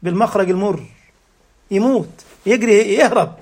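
High gravelly Egyptian preacher. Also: male voice, moderate pace. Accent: Egyptian Arabic. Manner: keeps asking rhetorical questions and answering them himself. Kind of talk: sermon.

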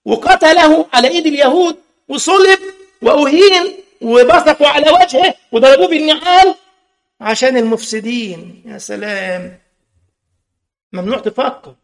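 Speaking with an Egyptian Arabic accent, a man with a very high-pitched voice preaches an impassioned sermon packed with rhetorical questions and mocking asides.

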